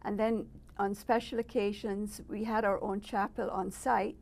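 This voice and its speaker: A middle-aged woman from Barbados, a guest telling her life story in an interview, thoughtful and measured with frequent pauses. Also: mid-range voice, level tone, gravelly, a little mellow. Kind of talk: personal testimony interview. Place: residence.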